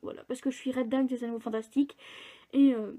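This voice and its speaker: A woman's voice: high-pitched, steady tone, quick pace, warm tone. A young woman chatting casually in a book vlog, rambling with fillers and restarts. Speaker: book vlogger. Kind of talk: casual chat.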